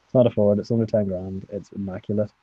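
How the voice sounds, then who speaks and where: An Irish man co-hosting a casual podcast chat, making short, dry deadpan remarks. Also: fairly low pitch, fast talker, breathy edge, no echo, phone-quality sound. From Ireland. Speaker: podcast co-host.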